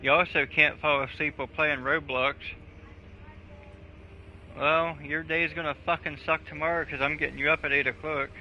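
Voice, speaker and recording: This man's fairly high voice stays flat at a normal speed as he streams a game alongside a friend, tossing out jokes and plenty of profanity in relaxed livestream chat. Game music plays under slightly dull audio with a little hiss or hum.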